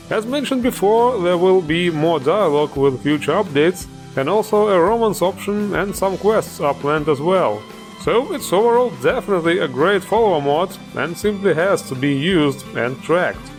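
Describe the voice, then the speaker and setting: Man, game mod showcase host, upbeat, joking, fairly high voice, faint music behind. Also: expressive, normal speed.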